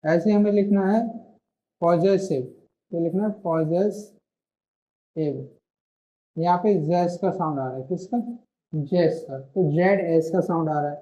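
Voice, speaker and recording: In a muffled, lo-fi online class, a shorthand teacher whose voice sits high with a dark tone speaks at a measured pace and pauses often. He patiently walks through the material, regularly asking and answering his own questions.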